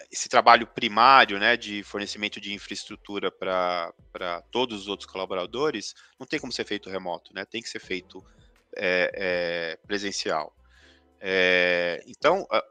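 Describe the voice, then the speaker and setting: A man's voice: fairly low pitch, sharp tone, dry recording. A man speaking as a guest in a live interview, thoughtful and full of hesitations. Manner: thoughtful, many hesitations and restarts. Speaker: guest expert.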